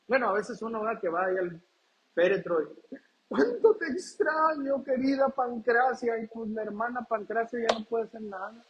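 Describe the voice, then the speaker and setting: A man preaching a sermon, asking the congregation questions and reading scripture slowly. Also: high voice, steady tone, muffled recording, noisy background. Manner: reads scripture aloud slowly and deliberately. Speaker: pastor.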